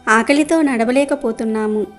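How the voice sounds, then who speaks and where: A woman reading the part of a polite old pilgrim asking for food in a devotional storybook, humble in tone. Her voice is a touch high, with faint music under it. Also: moderate pace, lightly acted.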